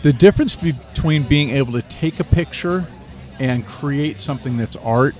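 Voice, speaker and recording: A man's voice: on the high side, moderate pace, a little mellow. A man hosting a casual interview, often ending his points with leading tag questions. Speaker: interview host.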